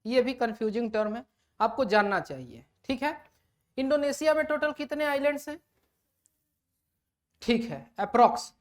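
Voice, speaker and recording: High-voiced woman teaching a class. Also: expressive, moderate pace, pauses often. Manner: asks the class questions, then answers them herself; mixes English terms into Hindi explanation. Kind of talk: classroom lecture.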